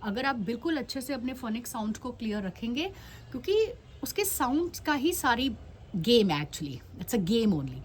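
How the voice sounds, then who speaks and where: A woman teaching English grammar to children, her voice sitting a little high. She asks questions and answers them herself, slipping English phrases into her Hindi, with faint noise behind her. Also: very animated, moderate pace.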